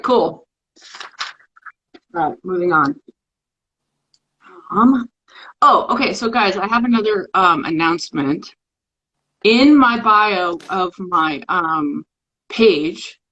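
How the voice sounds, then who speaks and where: A woman's voice: lowish voice, takes it slowly, pauses often, a bit bright, highs cut off. Playful woman hosting a live stream. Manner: chatty and playful, reading a fill-in word game aloud. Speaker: host of a live poetry show. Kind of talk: casual live-stream chat. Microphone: phone or webcam for a live stream.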